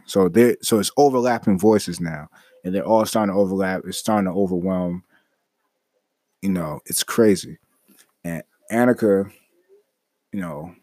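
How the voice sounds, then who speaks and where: A man with a very low voice tells a creepy story off the cuff, circling back on himself with lots of fillers and half-started sentences. The sound is dry and close, with no room around it. He talks like a host chatting to his listeners. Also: a little mellow, no echo. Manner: rambling, filler-heavy, frequent restarts. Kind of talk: casual spoken storytelling.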